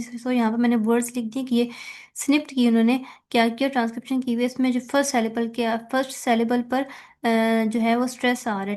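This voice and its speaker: A woman's voice: on the high side, a little mellow. A woman with a Pakistani accent teaching a recorded lecture. She explains step by step, mixes in English terms and keeps checking in with students.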